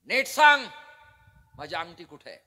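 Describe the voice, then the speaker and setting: A man voicing a young male warrior prince in a sermon story, who first whispers secretly and then shouts fiercely. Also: extremely high pitch, very animated, moderate pace, pitched above the performer's own voice, full character voice. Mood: furious shout.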